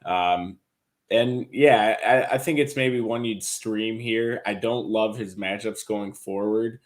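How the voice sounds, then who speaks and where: A man with a slightly low voice, talking in an easygoing way on a sports podcast. He weighs his picks slowly, with frequent ums. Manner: relaxed, hedging opinions with ums. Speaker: podcast co-host. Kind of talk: fantasy football podcast chat.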